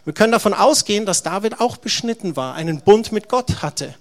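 A male pastor giving a family service sermon, telling the story in a lively way, acting out quotes and talking to the children. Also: high-pitched, a little fast.

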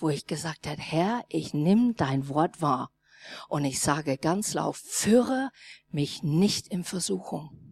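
A woman's voice: a little high, dry recording. A woman pastor preaching a sermon and telling a personal story, speaking as a with small grammar slips, acting out the dialogue in her story. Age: 30s or older. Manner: lively storytelling, acts out dialogue, non-native grammar slips.

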